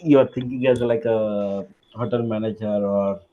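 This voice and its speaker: A man with an Indian accent giving casual advice as a video-call guest, in halting, repetitive English. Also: fairly low pitch, fairly even intonation. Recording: dull, noisy video call audio.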